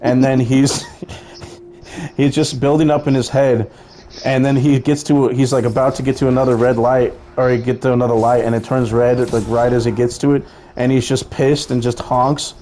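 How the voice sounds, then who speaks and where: A man's voice: mid-range voice, flat delivery, moderate pace, mellow, a little hiss or hum. Rambling profane young man telling a story. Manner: rambling, profane, laughing at his own story. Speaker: storyteller pitching a film idea. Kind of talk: casual storytelling.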